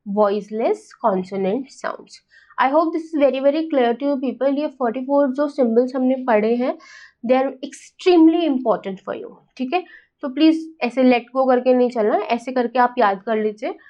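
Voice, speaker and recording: A young woman teacher with an Indian accent, a little high in pitch, giving a lesson in very slow, drawn-out phrases. She keeps asking "right?" and "got it?" to check that her listeners follow. The recording sounds dull and lo-fi. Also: a little mellow. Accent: Indian English. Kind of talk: exam-prep lesson mixing Hindi and English.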